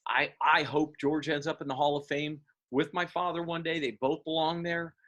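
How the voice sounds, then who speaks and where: A man, talking as an interview guest and reminiscing in a halting way, with many fillers and restarts. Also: on the high side, level tone, fairly bright tone. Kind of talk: casual interview.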